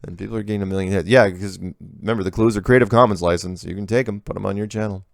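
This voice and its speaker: A low-voiced middle-aged man with a gravelly edge works through viewer emails and comments on them in a relaxed, offhand way. The recording is dry and close, with almost no room sound. He sounds like a regular host chatting to his audience. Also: racing, dry recording. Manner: easygoing, reads letters aloud and comments offhand.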